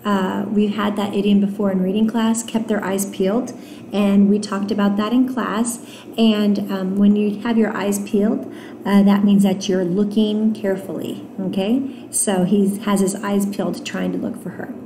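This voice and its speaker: A woman teacher reading a novel aloud to her students, stopping for gentle explanatory asides with fillers. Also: mid-range voice, little pitch movement, normal speed, a little hiss or hum. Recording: roomy echo.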